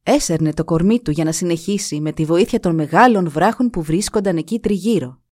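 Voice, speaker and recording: A woman narrating a folk tale in an expressive, measured way. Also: on the low side, no echo, clean studio sound. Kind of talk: storytelling.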